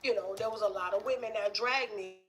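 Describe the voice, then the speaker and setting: A woman from the Southern US hosting a casual gossip livestream, sassy and animated, with laughing asides. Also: mid-range voice, brisk, soft background music, low-quality recording. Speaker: gossip show host.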